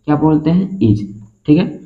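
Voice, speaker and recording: A man gives a classroom-style lesson, breaking words into slow parts and asking his listeners again and again what they read. His voice sits fairly high. The sound is thin and phone-like, with a roomy echo. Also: animated. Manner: spells out words slowly and keeps asking the class to repeat. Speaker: English teacher. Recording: echoey room on a tinny, phone-like line.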